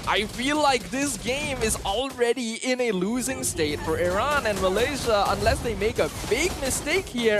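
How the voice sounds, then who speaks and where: A man with a very high-pitched voice gives live esports analysis. He speaks fluently and emphatically, sounding sure of his opinions, with music playing behind him. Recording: music under the commentary.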